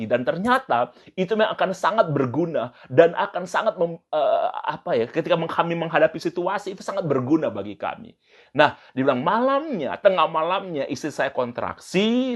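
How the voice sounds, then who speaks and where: Animated male preacher telling a story. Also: mid-range voice. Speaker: pastor. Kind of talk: sermon storytelling.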